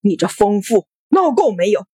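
A woman's voice: medium pitch, steady tone, normal speed, a little mellow, breathy edge, no room sound, natural voice. A woman voicing an angry middle-aged nobleman who barks stern commands.

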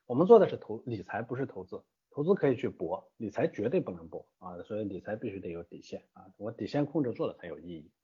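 Husky fast-talking man, lively pitch. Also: dull audio. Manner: emphatic, with rhetorical questions and tag questions. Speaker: guest from an investment platform. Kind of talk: explanatory interview answers.

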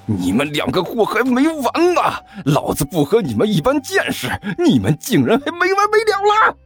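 A man's voice: mid-range voice, huge pitch swings, moderate pace, darkish tone, slightly rough, full character voice. Man voicing a brash young hothead, stammering retorts, faint music behind. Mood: furious. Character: short-tempered, cocky young man who stammers when scared.

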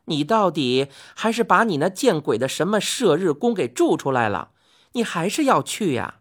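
A woman voicing Chang'e, a vain, quick-tempered young wife who scolds shrilly, for a spoken storybook. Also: fairly low pitch, very animated. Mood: upset.

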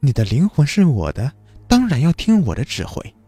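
A man's voice: fairly high pitch, wildly swooping pitch, measured pace, dark tone, husky, no room sound, soft background music, pitched above the performer's own voice, heavily acted. A man voicing a cruel female demon who steals souls, speaking coldly and with scorn. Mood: cold, mocking. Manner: cold, mocking, scornful.

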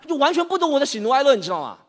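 A man in his thirties from Shanghai performs a stand-up set on stage, rattling along fast with a higher voice. His storytelling is animated and exasperated, and a long hall reverb follows each line. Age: 30s. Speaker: stand-up comedian. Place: comedy stage.

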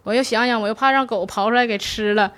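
A woman's voice: a little high, fast talker. A woman from Northeast China with a Northeastern Mandarin accent, a mortician telling stories in an interview, laughing often as she talks. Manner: laughs often, lively dialect storytelling. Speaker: guest, mortician. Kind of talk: casual interview storytelling.

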